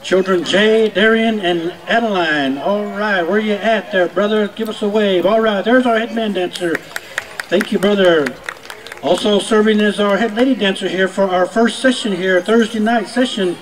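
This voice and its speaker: High-pitched man, folksy powwow emcee. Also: moderate pace, hardly any pauses. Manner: informal, folksy, calling out to people and prompting applause. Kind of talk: powwow emcee announcing, introducing dancers and singers. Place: outdoors at a powwow arena, announcer's speaker stand. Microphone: public-address microphone at announcer's stand.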